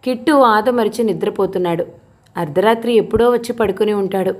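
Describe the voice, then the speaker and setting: A woman with a mid-range voice narrates a novel as an audiobook, giving the characters their own voices in a gentle, measured storytelling style.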